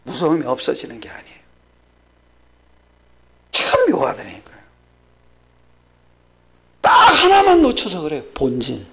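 An older man preaching a sermon, shifting between loud emphatic lines and hushed, almost whispered ones. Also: on the high side, huge pitch swings, measured pace, pauses often. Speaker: pastor.

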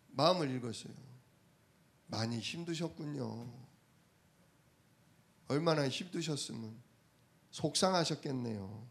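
High-pitched man preaching a sermon. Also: a bit bright. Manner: asks the congregation rhetorical questions; conversational storytelling from daily life.

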